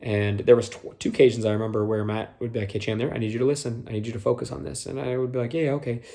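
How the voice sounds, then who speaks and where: Young man, mid-pitched, casual instructional tone, Minnesota-born, slight Minnesota accent on a few words, filler-heavy. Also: level tone, rapid-fire, creaky, warm tone. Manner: conversational, many fillers, acts out quotes. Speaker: youth small group leader trainer.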